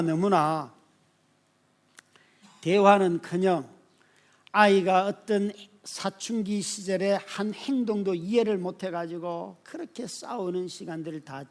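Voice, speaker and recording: A high-voiced man in his fifties preaches a sermon, telling stories about family life. He swings between soft, hushed asides and loud bursts, and keeps drawing the congregation in with questions. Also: vocal fry. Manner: storytelling, swings from quiet asides to sudden shouts; speaks to the congregation directly, often asking "right?". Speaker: pastor.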